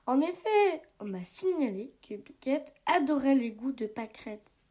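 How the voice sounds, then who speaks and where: A woman's voice: high-pitched, expressive, a little slow, noisy background. A woman voicing a young boy who takes notes and gives up easily, speaking in a matter-of-fact way. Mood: earnest. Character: note-taking young boy, easily discouraged.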